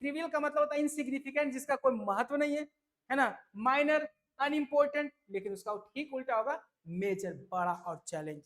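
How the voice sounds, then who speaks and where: This casual tutoring lesson features a man with an extremely high-pitched, slightly bright voice teaching English words for an exam at a brisk pace. He keeps it chatty, repeatedly dropping in "है ना?" and "ठीक है" to check in.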